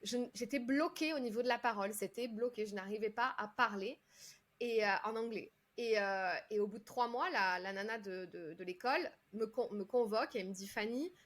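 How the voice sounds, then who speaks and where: A woman's voice: fairly high pitch, fairly quick, fairly bright tone. A woman from France, a public speaking coach, telling her story in a casual, chatty interview, with lots of fillers and restarts.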